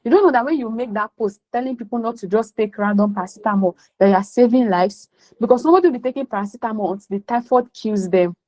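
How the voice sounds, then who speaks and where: A woman's voice: on the high side, quick pace, a little mellow, low-quality recording. Emphatic Nigerian woman coaching a class. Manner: emphatic, mixes in Nigerian Pidgin. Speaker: career coach. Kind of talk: motivational class talk.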